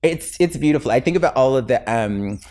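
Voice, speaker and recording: A woman in her fifties, a guest in a casual interview, talking reflectively and telling animated stories in which she acts out the people she quotes. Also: very deep voice, a little fast. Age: 50s.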